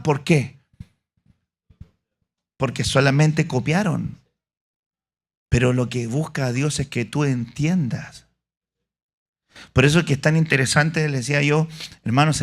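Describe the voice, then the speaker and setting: A gravelly-voiced Chilean pastor preaching to his congregation in a church. His voice sits fairly high for a man, and he moves between plain teaching and lively acted-out scenes. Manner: animated, acts out scenes with voices. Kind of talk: sermon.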